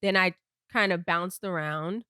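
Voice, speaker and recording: A woman's voice: lowish voice, measured pace, pushed and bright, clear, resonant tone, dry recording, clean studio sound. A young woman from Miami co-hosting a podcast, chatting casually and playfully with frequent laughter. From Miami, Florida. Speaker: podcast co-host. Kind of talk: casual chat.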